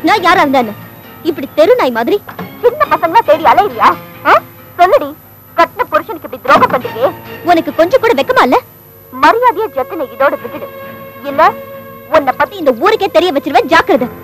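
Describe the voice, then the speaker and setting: A jealous caller in a dubbed film drama, spitting insults and threats. Her voice sits high and swings up and down. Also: sing-song, fairly quick, long pauses, music in the background. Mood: menacing. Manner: abusive, menacing. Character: vicious jealous woman threatening on the phone.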